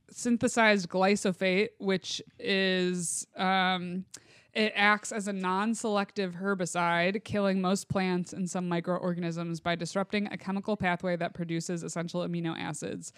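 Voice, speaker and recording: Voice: medium pitch, clean tone, no echo, studio quality. A co-host explaining researched material in a casual, informal way, with wry joking asides. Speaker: podcast co-host presenting research.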